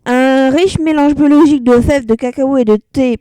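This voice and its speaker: A woman's voice: high voice, normal speed, mellow, dry recording. A woman vlogging casually about her purchases, talking hesitantly with many fillers and restarts. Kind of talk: casual product review vlog.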